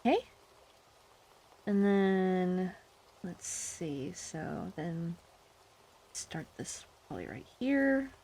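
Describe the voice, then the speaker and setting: A young woman streaming casually while she draws, chatting to viewers, giggling and muttering quietly to herself as she works. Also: on the low side, very animated, drawn-out words, pauses often, husky. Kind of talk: casual art stream chat. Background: faint music.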